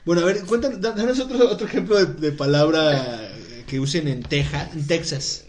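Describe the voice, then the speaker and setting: High-voiced joking male host. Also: normal speed. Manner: joking, laughs often, asks playful questions. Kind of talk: casual comedic podcast chat.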